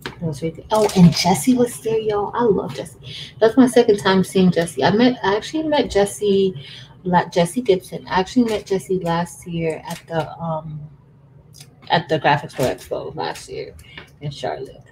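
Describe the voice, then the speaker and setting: A woman in her thirties hosts a casual craft livestream from her home craft table, chatting with viewers as she works, calling them "y'all" and laughing often. Her voice is fairly low and animated, at a normal speed, over a noisy background.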